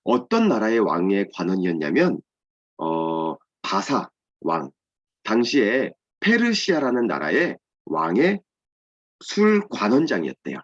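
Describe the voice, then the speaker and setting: Male children's pastor, animated and clear, simple explanations, muffled lo-fi recording. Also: lowish voice, unhurried. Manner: simple, explanatory, asks and answers own questions. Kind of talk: children's sermon. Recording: dull lo-fi sound.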